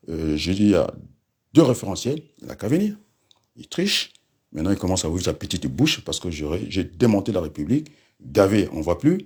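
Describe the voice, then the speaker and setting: Combative deep-voiced man ranting. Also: a little mellow, breathy edge. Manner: combative, addresses listeners directly with asides. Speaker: political commentator. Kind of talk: animated political rant.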